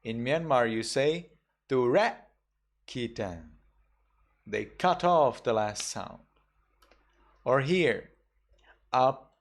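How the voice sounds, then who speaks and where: Monk teacher, male, unhurried, mid-pitched, patient drills of each word. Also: animated, creaky. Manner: slow, patient, repeats example words carefully. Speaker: Buddhist monk teaching a class. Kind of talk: online class instruction.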